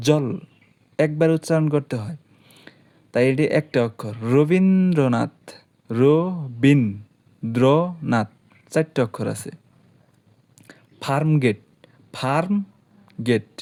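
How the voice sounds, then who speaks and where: A man teaching an online lesson, explaining patiently and slowly drawing out syllables as examples. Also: fairly high pitch, dark tone.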